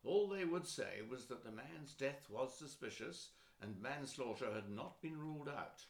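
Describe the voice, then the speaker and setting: An actor playing a male TV newsreader with a measured broadcast delivery. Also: medium pitch, lively intonation, vocal fry. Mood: formal. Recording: roomy echo.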